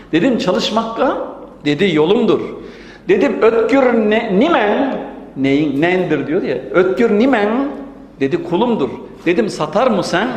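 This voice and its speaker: A man reciting a dialogue poem, raising his voice for his questions and dropping it low for the replies, and explaining the lines in between. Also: slight background noise. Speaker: speaker reciting and explaining poetry. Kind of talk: recited poem with commentary, then sung. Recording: roomy hall with long echo.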